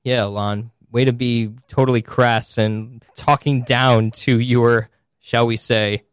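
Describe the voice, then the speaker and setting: A man's voice: mid-range voice, little pitch movement, slow pace, clean tone, no echo. A man hosting a casual chat, rambling along with many fillers and asides. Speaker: podcast host.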